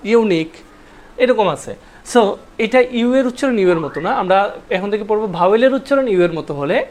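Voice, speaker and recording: High-voiced man teaching grammar at a board. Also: darkish tone. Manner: repeats key points and quizzes students with rhetorical questions. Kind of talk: whiteboard grammar lesson.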